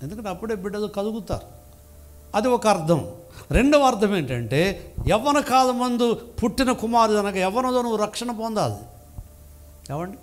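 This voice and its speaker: A man's voice: high-pitched, lively intonation, moderate pace, pauses often. An older man preaching a sermon in a church, emphatic and full of rhetorical questions to the congregation. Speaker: pastor.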